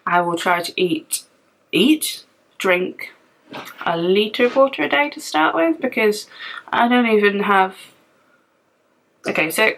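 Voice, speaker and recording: A woman's voice: medium pitch, fairly bright tone, low-quality recording. A young woman vlogging at home in casual, rambling chat, open and self-deprecating about herself. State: out of breath. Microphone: phone or tablet camera.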